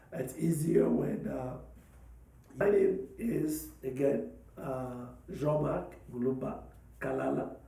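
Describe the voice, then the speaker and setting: A man in his fifties from Congo, a pastor and podcast host, telling his life story slowly and hesitantly, with many pauses and fillers. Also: on the high side, gravelly, warm tone, echoey room, recorded from a distance, low-quality recording. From Democratic Republic of the Congo. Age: 50s. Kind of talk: personal testimony talk.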